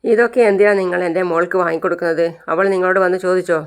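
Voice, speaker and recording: A woman's voice: fairly low pitch, fairly even intonation, rapid-fire, clear, resonant tone, lightly acted. Narrator voicing Chandrika, a fierce mother. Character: angry protective young mother.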